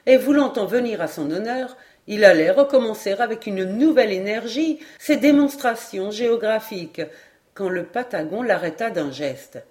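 Measured woman reading a classic novel. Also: mid-range voice, expressive, a little mellow. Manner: clear, measured storytelling. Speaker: audiobook reader. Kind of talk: scripted narration of a classic novel.

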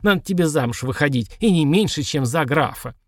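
A man's voice: fairly high pitch, lively intonation, a little fast, no room sound. An eighty-year-old manservant, as a male audiobook reader puts him on, cantankerous and cheeky, grumbling in a raised, pinched voice. The sound is close and dry, with no room around it. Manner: scolding, grumbling. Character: old male servant, grumpy, tipsy, cheeky.

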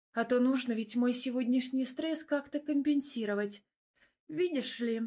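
A woman voicing a playful, sharp-tongued young heroine in an audiobook, lifting her voice noticeably higher and brighter. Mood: teasing. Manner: bright, raised, teasing delivery.

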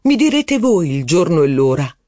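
A man's voice: a little high, very animated, moderate pace, a little mellow, dry recording, studio quality. A man reading aloud voices an elegant, gracious duchess, speaking in a light, lilting way. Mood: breezy. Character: elegant aristocratic duchess, woman, gracious and airy.

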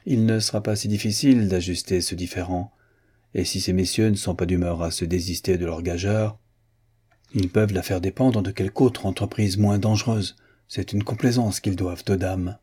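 A calm, courteous young nobleman who speaks in a measured, polite way, read by a man in his own low voice. The voice is mellow and slightly husky. This is a storybook reading.

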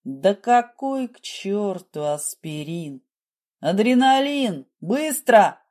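A woman reading an audiobook, voicing a male surgeon who barks curt orders in a lowered voice. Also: slow, darkish tone. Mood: shouting. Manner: barking orders, harsh and curt. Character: male surgeon, commanding, panicked under pressure.

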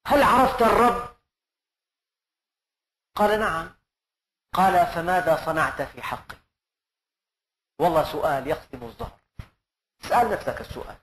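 Older preacher, earnest, lots of rhetorical questions, bit of hiss behind. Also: male voice, high-pitched, a bit bright. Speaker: preacher giving Quran commentary. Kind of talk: sermon.

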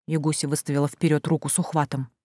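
A woman narrating an audiobook in steady scripted storytelling. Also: deep voice, quick pace, no echo, clean studio sound.

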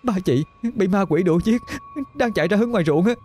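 A man's voice: sits high, animated, fast talker, a little mellow, soft background music, pitched above the performer's own voice. A man doing a sobbing, terrified young woman. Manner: stammering, breathless pleading.

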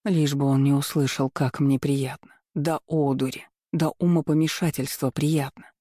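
A man reading a first-person romance novel aloud in a calm, even, unhurried way. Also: on the high side, no echo, studio quality. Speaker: audiobook narrator.

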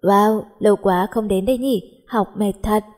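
A playful, mischievous teenage girl, played by a woman reader who is often lazy and sleepy. The voice is dark and slightly husky. She speaks lightly and teasingly. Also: mid-range voice, steady tone, a little slow, lightly acted.

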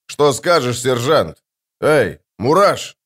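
A man voicing a loud, crude male sapper who yells and complains. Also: medium pitch, sing-song, takes it slowly, exaggerated voice. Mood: complaining. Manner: loud, yelling.

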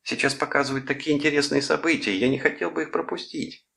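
A man's voice: fairly high pitch, fairly even intonation, fast, gravelly, bright, forceful tone, pitched above the performer's own voice. A man voicing a teenage boy who clowns theatrically and plays falsely polite. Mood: mocking. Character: teen boy prankster faking a swooning woman.

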